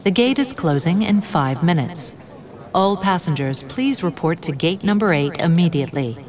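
A woman playing a formal airport gate announcer with a measured public-address delivery. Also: lowish voice, animated, darkish tone, lightly acted. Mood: formal, insistent.

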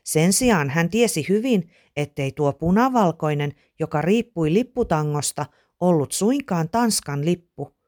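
Animated woman reading a storybook. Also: on the low side. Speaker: narrator.

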